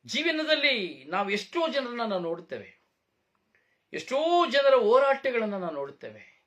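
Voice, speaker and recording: Animated high-voiced male preacher. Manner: emphatic preaching with repeated phrases and rhetorical questions. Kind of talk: Kannada sermon.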